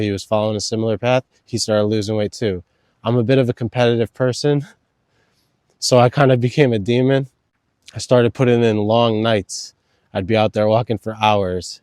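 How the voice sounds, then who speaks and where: A man's voice: lowish voice, a little mellow, no room sound. A man talking casually as a vlogger, telling his story and giving tips in a laid-back, slangy way. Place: outdoors in wind.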